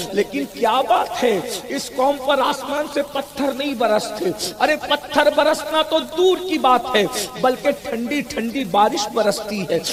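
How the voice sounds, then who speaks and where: High-voiced fiery male preacher. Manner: emphatic, rhetorical, often calls out God is great. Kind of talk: fiery sermon at a large gathering. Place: large outdoor religious gathering.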